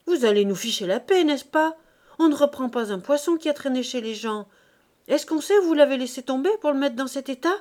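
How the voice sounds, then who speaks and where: A woman reading an audiobook and voicing an older market fishwife who talks loudly and scornfully. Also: fairly high pitch, animated, moderate pace, voice pushed up, natural voice. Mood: scolding. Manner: loud, scornful, bullying. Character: older fishwife, coarse, loud and sneering.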